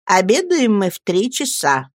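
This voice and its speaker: A woman voicing a prim elderly spinster aunt in a storybook reading, measured and formal in a slightly lowered voice. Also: big pitch swings, dry recording, studio quality.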